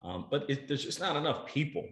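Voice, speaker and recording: Interviewing a guest by video call, the middle-aged food show host speaks on the high side and a little fast, with big pitch swings and a slightly bright tone. Fillers and repeated words pile up as he thinks aloud. The audio, captured through earbuds, sounds roomy.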